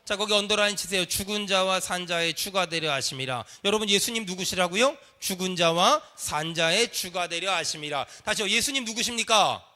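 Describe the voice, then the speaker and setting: A man's voice: high voice, fairly quick, few pauses, bright, forceful tone. A man preaching a sermon in a church, leading the congregation in call and response. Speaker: pastor. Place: church sanctuary.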